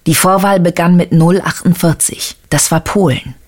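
An audiobook narrator reading a crime novel with even, measured storytelling. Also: mid-range voice. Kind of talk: scripted narration.

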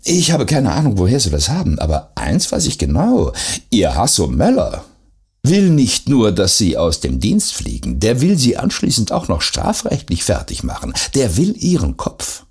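A cool, mocking interrogator who keeps pressing with pointed questions, her voice pitched well above the reader's own and swinging widely, as a man acts her out. A gravelly, husky grain still sits under it. It sounds like a character in an audiobook thriller. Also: wildly swooping pitch, normal speed, a little mellow, full character voice.

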